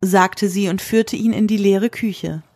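A woman reading a story aloud in a measured storytelling manner. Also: mid-range voice, a little mellow, husky, no echo. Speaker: narrator. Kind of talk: scripted narration.

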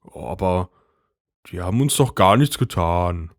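A man voicing a meek, confused middle-aged husband who speaks hesitantly and tries to calm things down. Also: sits low, measured pace, no room sound, clean studio sound. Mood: bewildered. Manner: hesitant, placating. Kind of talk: storybook reading.

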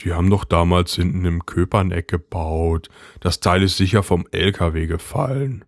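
A man's voice: low voice, normal speed, dry recording. Man reading as a mild confused husband, hesitant, just wants peace, dry close sound. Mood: bewildered. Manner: hesitant, placating. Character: meek confused middle-aged husband. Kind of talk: storybook reading.

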